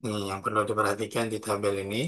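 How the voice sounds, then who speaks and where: A man with an Indonesian accent teaching Arabic grammar in a classroom, slow and deliberate, spelling out each form and example. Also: fairly low pitch, little pitch movement, sharp tone. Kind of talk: classroom lesson explaining grammar.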